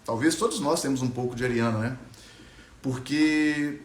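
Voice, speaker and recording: A man telling a story in a relaxed, reflective way. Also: medium pitch, moderate pace, echoey room, a little hiss or hum. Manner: relaxed, reflective, with many fillers. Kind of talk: spoken storytelling.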